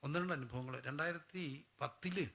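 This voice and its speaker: A man's voice: a little high, brisk, sharp tone. A man preaching a sermon. He keeps putting questions to the congregation and answering them himself.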